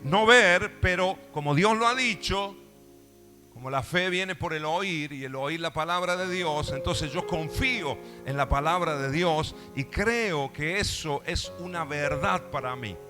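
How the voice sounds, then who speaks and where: A man's voice: a little high, measured pace, over music. A male pastor with a Rioplatense Spanish accent, preaching a sermon in a church, emphatic, with call-and-response asides and playful acted-out dialogue. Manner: acts out quoted dialogue, laughing often.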